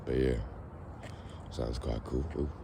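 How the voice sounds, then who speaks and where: Walking outdoors along a foggy street, a young male vlogger holds his phone and rambles casually, musing to camera. His raspy, hoarse, gravelly voice is extremely low, at the very bottom of his range, slow and steady in tone, while traffic and outdoor noise come through clearly.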